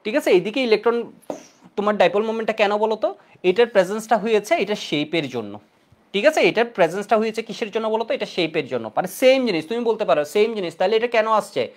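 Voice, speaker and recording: A man's voice: high-pitched, very fast. A man with a Bangladeshi Bengali accent teaching chemistry in an online class, quizzing students with repeated questions.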